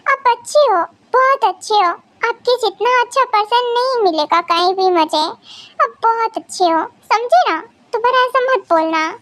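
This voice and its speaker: A woman playing a sweet, playful young wife in a fan audio drama, comforting and lively. The voice is very high and girlish. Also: normal speed, no echo. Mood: reassuring.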